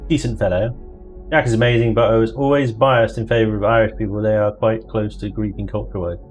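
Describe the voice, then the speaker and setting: With faint music behind him, a man with a fairly low, steady voice talks a little fast while gaming on his livestream. His chat is casual and jokey, slipping now and then into mock voices and laughter.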